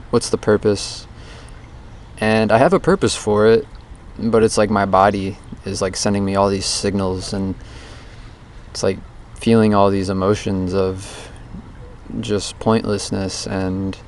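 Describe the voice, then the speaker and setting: A man with a slightly low voice talks casually into a handheld voice recorder outdoors. His delivery is even and barely varies in pitch as he rambles introspectively, like an audio diary. The dictaphone recording carries faint background noise. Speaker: vlogger recording a daily challenge diary. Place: outdoors under a bridge.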